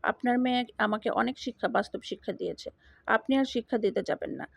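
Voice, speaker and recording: A woman voicing a young husband who is quick to anger and then begs forgiveness, read plainly in her own voice. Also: sits high, creaky, a bit bright, dry recording, exaggerated voice. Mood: pleading. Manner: read plainly by the narrator, pleading. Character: remorseful young husband, hot-tempered then pleading. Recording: dull lo-fi dry recording.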